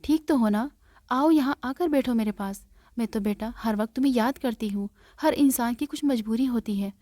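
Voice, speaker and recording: A woman voicing a gentle, affectionate aunt in a spoken story. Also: on the high side, no room sound, studio quality, natural voice. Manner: tender, affectionate. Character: loving, gentle aunt, a middle-aged woman.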